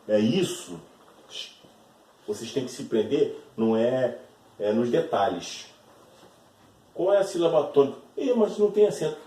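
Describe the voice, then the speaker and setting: A man's voice: medium pitch, mellow, recorded from a distance. A male teacher giving a recorded grammar lesson, patient and explanatory, often checking in with short tag questions. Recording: echoey room, voice off-mic.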